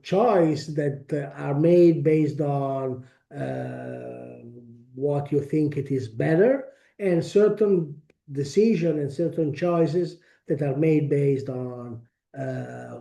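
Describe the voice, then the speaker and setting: A man with a strong Italian accent presenting a technical webinar, speaking haltingly with frequent pauses and restarts. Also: a little high, expressive, gravelly, dark tone. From Italy. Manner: halting, many fillers and restarts.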